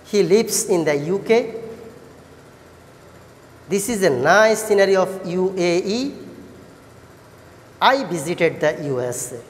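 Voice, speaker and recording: A woman with a Bangladeshi accent teaching an English lesson to children, encouraging and praising like a kids show host, with deliberate sing-song questions. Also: fairly low pitch, animated. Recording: echoey hall-like reverb.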